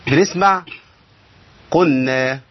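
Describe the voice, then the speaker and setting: A man's voice: medium pitch, takes it slowly, lo-fi sound. A man with an Egyptian accent teaching Quran recitation rules, explaining step by step and asking and answering his own questions. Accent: Egyptian Arabic. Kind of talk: tajweed lesson.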